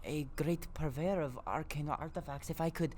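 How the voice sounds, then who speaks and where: A man's voice: fairly high pitch, moderate pace, darkish tone, a little hiss or hum, pitched above the performer's own voice, natural voice. A man putting on a nervous shopkeeper woman. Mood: anxious.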